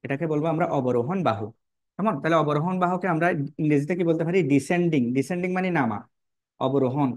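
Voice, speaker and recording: Male biology tutor, a bit high-pitched, dry close recording. Repeats terms, quizzes students as he draws. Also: fast, no echo. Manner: repetitive, checks in with "কেমন?" and rhetorical questions. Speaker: biology teacher. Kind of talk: online lesson, explaining while drawing.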